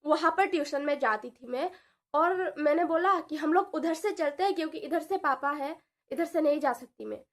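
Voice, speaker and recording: A woman in her twenties telling a personal story in an animated, dramatic way, mixing in English words and slang. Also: high voice, moderate pace. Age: 20s. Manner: animated, dramatic retelling with frequent asides. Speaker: vlogger. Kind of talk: casual storytelling vlog.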